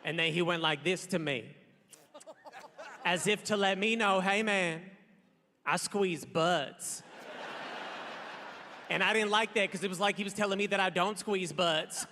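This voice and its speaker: A man's voice: high-pitched, normal speed, pushed and bright, in a large hall, a little hiss or hum. A man in his thirties doing a stand-up set, talking bluntly in a loose, irritated, conversational way. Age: 30s. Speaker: stand-up comedian. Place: large theater stage.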